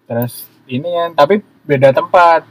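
A man tells a personal story in a loose, rambling way, pausing on fillers as he goes. His voice sits a little high. The sound is dry and close. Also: dry recording, highs cut off. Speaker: storyteller guest. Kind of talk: casual chat.

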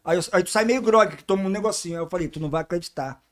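A man tells stories on a podcast in slangy casual speech. He acts out the people in his stories as he goes. His voice sits a little high. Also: racing. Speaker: podcast guest. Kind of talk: casual storytelling chat. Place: podcast studio.

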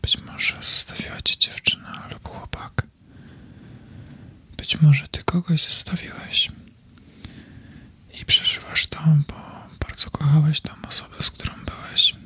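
A man in his thirties whispering slowly and soothingly in a comforting ASMR video, speaking close to the mic. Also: on the high side, steady tone, sharp tone, breathy edge. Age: 30s. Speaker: ASMR creator.

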